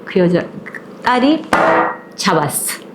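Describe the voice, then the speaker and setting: A woman's voice: mid-range voice, slow pace, over loud music. Chatty woman telling a story. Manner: lively, chatty, acts out the characters. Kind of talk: casual oral retelling of a short story.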